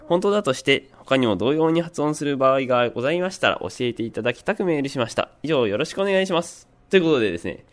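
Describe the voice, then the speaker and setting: A man's voice: mid-range voice, animated, fast talker, hardly any pauses, dry recording. A young man hosting a student radio English show, chatting playfully and reading listener mail aloud. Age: young adult. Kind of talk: casual radio chat.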